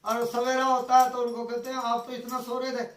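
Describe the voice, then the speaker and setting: A man's voice: very high voice, completely flat delivery, fairly quick, a bit bright. A man from Rajasthan giving a devotional talk as a preacher, telling stories and acting out the dialogue. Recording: echoey from far off.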